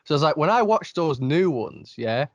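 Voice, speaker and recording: A man from the north of England with a northern English accent, hosting a podcast and telling animated stories with frequent laughs. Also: fairly high pitch, normal speed, no room sound, highs cut off. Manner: animated storyteller, laughs often. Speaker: podcast host. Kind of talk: casual chat. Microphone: video call.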